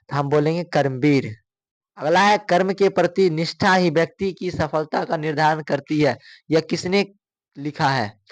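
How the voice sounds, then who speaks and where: A man's voice: on the high side, no room sound. A male coaching teacher, running through exam questions, repeating each one and asking students for the answer.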